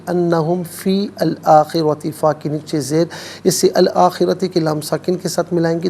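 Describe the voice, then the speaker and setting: A male TV host teaching Quran recitation, explaining each word clearly, then chanting the verses slowly. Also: a little high, a little mellow, slight background noise. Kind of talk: televised Quran recitation lesson. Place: TV studio.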